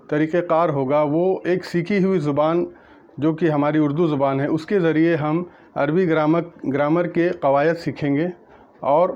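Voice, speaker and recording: A man giving a lecture on Arabic letters, pausing often with fillers and reciting letters slowly. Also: fairly high pitch, a little mellow, dull audio. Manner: many hesitation fillers, mixes English terms. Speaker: Arabic grammar teacher.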